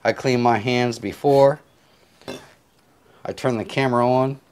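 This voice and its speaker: A man talks through a simple recipe while he cuts and seasons, unhurried and a little rambling. His voice sits in an ordinary middle register, picked up close on a clip-on mic in a home kitchen. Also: mid-range voice, smooth. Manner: relaxed, rambling step-by-step explanations with filler words. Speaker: home cook. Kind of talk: casual cooking tutorial. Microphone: clip-on lapel mic.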